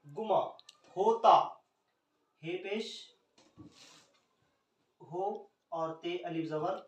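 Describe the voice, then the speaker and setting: Slow, high-voiced man teaching in an echoey room. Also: far from the mic, lo-fi sound. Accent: Indian Urdu. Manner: slow, letter-by-letter spelling. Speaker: Urdu teacher. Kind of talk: spelled-out poetry scansion lesson. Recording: roomy echo, speaker off the mic.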